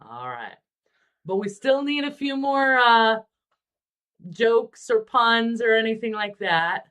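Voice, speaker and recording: A woman hosting a casual livestream about miniature painting, relaxed and chatty with frequent ums. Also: on the high side, slow pace, clean tone.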